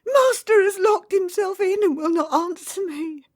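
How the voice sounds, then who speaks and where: A woman voicing a frightened old housekeeper who pleads in a high, quavering voice. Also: unhurried, darkish tone, no echo, clean studio sound. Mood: distraught.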